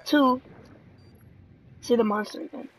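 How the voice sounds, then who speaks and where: A young woman giving jumpy gameplay commentary, often dropping to hushed whispers and then bursting out with gasps. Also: fairly high pitch, unhurried, a little hiss or hum, rough recording. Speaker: gaming video creator.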